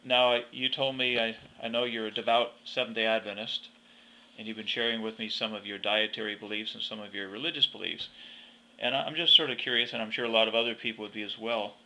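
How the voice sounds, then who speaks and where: Male interviewer, very bright forceful voice with gravelly fry, conversational delivery, slight noise behind. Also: on the low side, fairly even intonation, fast talker, rough recording.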